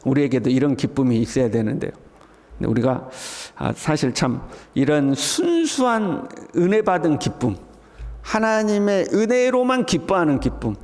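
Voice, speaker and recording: A man preaching an early morning sermon as pastor, breaking into loud, excited exclamations as he voices calls to praise. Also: on the high side, big-room sound. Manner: swings to loud excited exclamations when voicing the psalm's call to praise. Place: church sanctuary.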